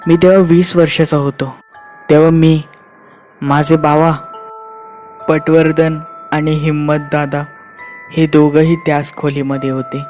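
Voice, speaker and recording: Brief: narrator as a scared middle-aged man confessing, even storytelling voice. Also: a little high, unhurried, long pauses, soft background music, close to an everyday voice. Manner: pleading then confessing. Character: frightened middle-aged man, theatre owner's son.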